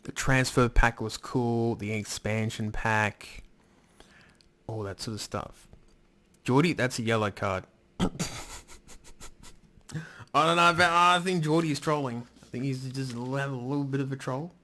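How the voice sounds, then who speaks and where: A man's voice: medium pitch, a little slow, long pauses, pushed and bright. A man hosting a live stream, rambling casually and swearing now and then as he answers his chat. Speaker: livestream host reading chat.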